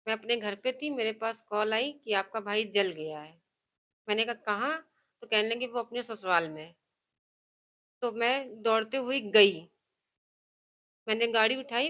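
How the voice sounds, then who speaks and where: A woman's voice: fairly high pitch, a bit bright. Insistent woman. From Kanpur. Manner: emphatic, insistent, words tumbling out. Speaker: victim's sister. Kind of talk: news interview and heated argument.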